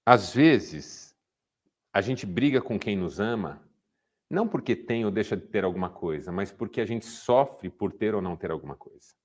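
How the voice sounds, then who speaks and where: Man, Brazilian Portuguese accent, lowish voice, sermon-style talk, animated storytelling. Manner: animated storytelling, acting out dialogue. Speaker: speaker at a men's group meeting.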